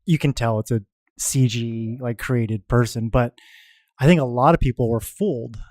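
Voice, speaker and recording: A man's voice: mid-range voice, normal speed, a little mellow, no room sound, clean studio sound. A male podcast co-host chatting loosely, with lots of 'like' and restarted sentences. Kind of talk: casual podcast chat.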